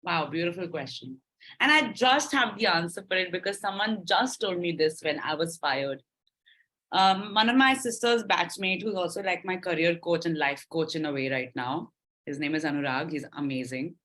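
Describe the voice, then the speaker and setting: Young woman guest on a podcast, bright clear voice, acts out what people said to her. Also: normal speed, low-quality recording. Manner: animated, acts out quoted dialogue with shifting pitch. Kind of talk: candid conversational storytelling.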